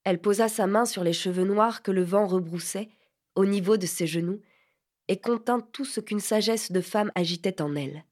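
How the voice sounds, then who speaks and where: A woman narrating a classic novel for an audiobook in a measured, even storytelling voice. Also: mid-range voice.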